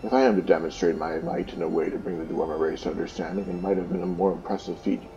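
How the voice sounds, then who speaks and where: A man's voice: deep voice, fairly even intonation, fast, warm tone, dull audio, soft background music. A man reading the lines of a proud, all-knowing goddess in a plain, cool way.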